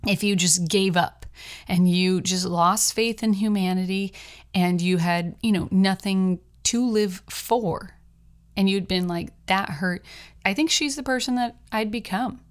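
A woman's voice: medium pitch, unhurried, clean tone. A young adult woman hosting her own podcast, telling personal stories in a chatty, rambling way with frequent laughs. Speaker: podcast host, writer. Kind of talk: casual personal monologue.

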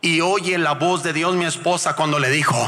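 Fervent Mexican preacher, bright high voice. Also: male voice, fairly even intonation, moderate pace. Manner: fervent, swings from hushed to shouting, repeats "hermano". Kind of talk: sermon testimony. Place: large church hall. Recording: long church-hall reverb.

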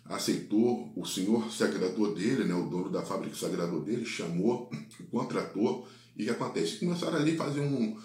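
A man with a Brazilian Portuguese accent retells a faith-based life story, halting often on repeated words and tagging lines with "né?". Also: fairly low pitch, animated, a little mellow. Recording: echoey room.

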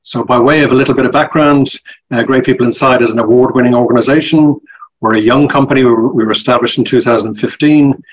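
A middle-aged company director from Ireland, with a Dublin accent, appears as a guest in a casual interview, rambling hesitantly with plenty of ums and restarts. His mid-range voice is steady and fast, and the recording has cut-off highs and slight background noise.

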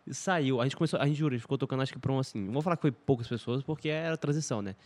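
A Brazilian man, a DJ on a podcast, telling a rambling, animated story in casual chat. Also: medium pitch, racing. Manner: rambling, animated, piles up filler phrases. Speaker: DJ guest on a podcast.

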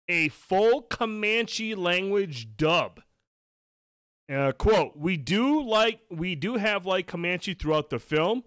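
A man hosting a casual livestream chat, talking excitably and swearing freely. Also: sits high, no room sound, clean studio sound. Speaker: show host.

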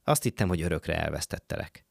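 A man's voice: extremely low pitch, lively intonation, vocal fry, slightly rough, no echo, clean studio sound, heavily acted. A man reading a story aloud, voicing an anxious, tearful young woman who talks in a pleading, reproachful way. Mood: distraught. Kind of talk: audiobook reading.

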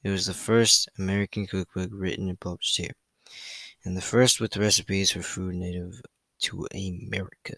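Young man, podcast host, bright forceful voice, chatty and rambling, stumbles over words, dry close sound. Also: deep voice, no echo, poor audio. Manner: loose and chatty, fillers and self-corrections, stumbles over words. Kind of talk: casual solo podcast reading facts.

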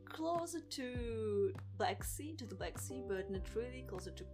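A woman's voice: on the high side, animated, a little slow, over music. A woman from southern Russia, a native Russian speaker with a Russian accent, guesting on a podcast and searching for words in English. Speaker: interview guest. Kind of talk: casual podcast interview.

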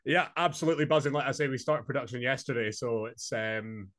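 A young adult man from Scotland with a Highland Scottish accent, chatting casually as an interview guest. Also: steady tone, a little fast, fairly bright tone. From Inverness, Scotland. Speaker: podcast guest, singer-songwriter.

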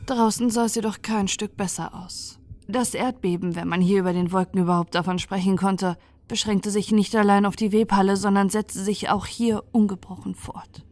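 Calm woman reading a bedtime story. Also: mid-range voice, soft background music. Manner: calm, soft, measured storytelling for sleep. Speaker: audiobook narrator. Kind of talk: scripted audiobook narration.

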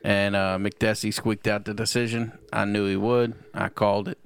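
Gravelly low-voiced man recapping fights. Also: level tone, normal speed. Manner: laid-back, profane, joking. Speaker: podcast co-host. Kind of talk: casual fight-recap chat.

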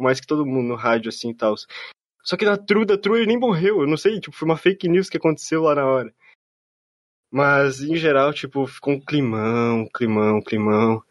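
A man's voice: mid-range voice, no room sound. A young man with a southern Brazilian accent, telling a story in a casual, rambling way with lots of slang and fillers.

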